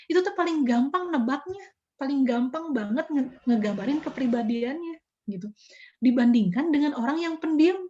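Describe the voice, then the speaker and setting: A woman's voice: high-pitched, a little mellow. A woman lecturer in psychology, explaining interviewing casually and acting out example dialogues, often adding "gitu ya". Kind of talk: online class lecture. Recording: slightly dull lo-fi online lecture audio.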